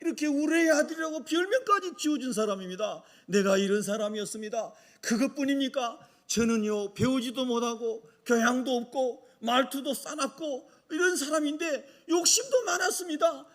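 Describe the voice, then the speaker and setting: A man's voice: very high voice, normal speed, hardly any pauses. A man preaching as a humble, hot-tempered Galilean fisherman apostle, making an earnest first-person confession. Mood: confessing.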